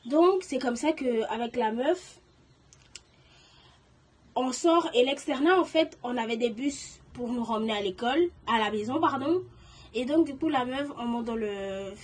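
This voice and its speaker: A young woman with a slightly husky, fairly high voice tells a personal story straight to her viewers. She talks in loose, slangy spurts full of filler words and turns loud and animated whenever she gets indignant. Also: moderate pace. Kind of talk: casual storytime vlog.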